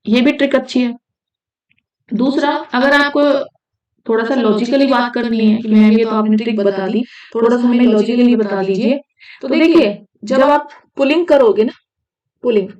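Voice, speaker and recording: A woman's voice: on the high side, moderate pace, a little mellow, poor audio. A woman teaching Hindi grammar for exam prep, checking in with her students as she explains. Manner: repeats "ठीक है" often, asks students questions.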